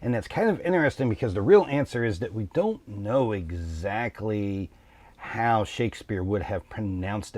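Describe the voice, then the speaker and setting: Man, lowish voice, dry close sound, casual explainer, relaxed, thoughtful, lots of ums. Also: no echo. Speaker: tabletop game channel host.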